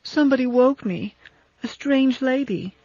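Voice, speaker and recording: A man doing a squeaky little-girl ship computer. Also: a little slow, a little mellow, dry recording. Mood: timid, pleading. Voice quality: childlike, squeaky. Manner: whiny, pleading. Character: timid little-girl ship computer, tearful, foul-mouthed. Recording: dull lo-fi audiobook recording.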